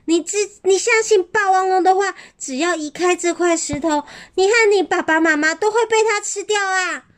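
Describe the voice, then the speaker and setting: A woman's voice: extremely high pitch, normal speed, pitched above the performer's own voice. A woman voicing a group of frightened little dinosaurs in a storybook, scolding shrilly.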